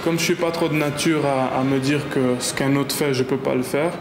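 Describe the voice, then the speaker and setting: Man speaking flatly over music. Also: mid-range voice. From Belgium. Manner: halting, with many restarts. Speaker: professional footballer interviewee. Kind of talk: interview answers. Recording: roomy sound under loud music.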